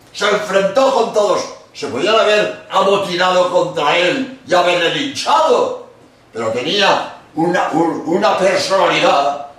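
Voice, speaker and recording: Lively Spanish man preaching in an echoey hall. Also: sits high, far from the mic. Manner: emphatic, with dramatic pauses and acted-out quotes. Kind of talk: sermon-style lecture.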